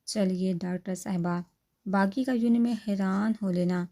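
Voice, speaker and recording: A woman's voice: medium pitch, steady tone, dark tone, close to an everyday voice. A woman voicing a playful, joking adult man who is a protective older brother, in a storybook reading. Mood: teasing. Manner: joking, mock-stern.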